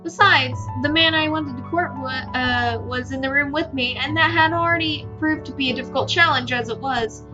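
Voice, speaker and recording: A woman reading a visual novel aloud with expressive asides, laughing easily and tripping over words. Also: sits high, normal speed, few pauses, dull audio, music in the background. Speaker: gamer narrating a visual novel.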